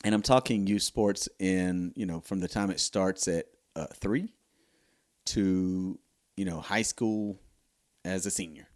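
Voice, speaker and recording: Low-voiced man rambling through a solo podcast. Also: measured pace. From United States. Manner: rambling, many fillers and restarts. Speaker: podcast host. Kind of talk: casual solo commentary.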